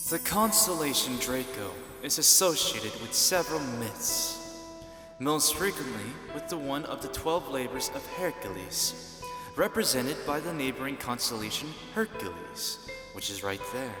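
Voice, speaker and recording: Music plays in the background as this man, mid-range and expressive, speaks a little slowly. In his amateur ASMR roleplay he's a loving, playful boyfriend addressing his partner, and the audio is noticeably noisy with ambience underneath.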